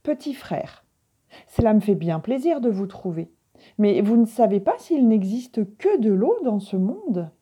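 A woman's voice: mid-range voice, sing-song, a little slow, warm tone, breathy edge. A woman reading aloud voices a lonely old male coyote spirit, in an earnest, eager storytelling voice. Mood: musing.

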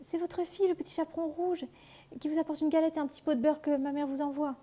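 A woman voicing a young, innocent village girl in a storybook reading, with a high, sweet voice. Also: fairly even intonation, fast, mellow, natural voice.

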